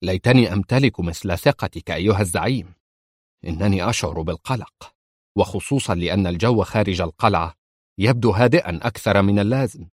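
Man reading a nervous henchman, anxious, lowered voice, dry sound. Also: quick pace, no room sound. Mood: worried. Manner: anxious, hesitant.

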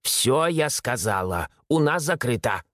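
A man's voice: mid-range voice, sing-song, a little slow, fairly bright tone, no room sound, studio quality. A man voicing a strict, angry old woman clerk who barks her words, in an audiobook. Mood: stern. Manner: barking, stern.

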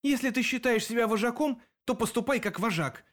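Guy doing a young woman in an audiobook, grieving and vengeful, high and sharp. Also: a little fast, close to an everyday voice. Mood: protesting. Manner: emotional, raised and sharp.

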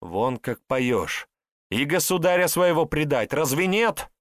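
A man's voice: low-pitched, animated, normal speed, no room sound, studio quality. A man voicing a cold, scornful adult tsaritsa who mocks and presses her brother. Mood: scornful interrogation. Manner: icy, mocking, pressing.

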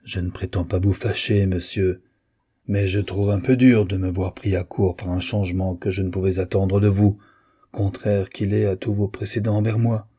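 A man's voice: low-pitched, level tone, moderate pace, warm tone, breathy edge. A man reading a resigned, ironic young nephew. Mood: aggrieved. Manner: restrained, polite and ironic. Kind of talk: audiobook character reading.

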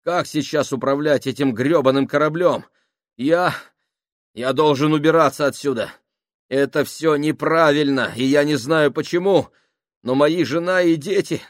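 A man voicing a terrified, panicking male sailor who shouts frantically in a high strained voice. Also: big pitch swings, a little slow, hardly any pauses, no echo, clean studio sound, exaggerated voice. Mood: panicked.

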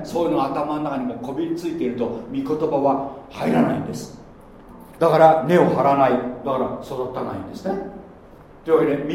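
A man preaching a sermon as pastor, chatty and animated, often asking his listeners questions. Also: on the high side. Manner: animated, conversational, asks the congregation questions. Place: church. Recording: very echoey church hall with faint noise.

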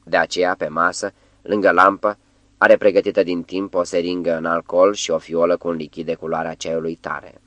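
A man narrates a literary audiobook at a calm, measured pace. His voice is very deep. The recording is dry and close, with no room sound. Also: no echo.

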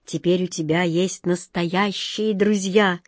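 A steadfast old sea captain from a children's tale, as a woman reader puts him on, declaiming with heat and conviction. His lines come slow and weighty, and the dry close sound leaves no room echo. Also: on the high side, a little mellow. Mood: gentle. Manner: ardent, declaiming. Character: brave, stern old sea captain, man.

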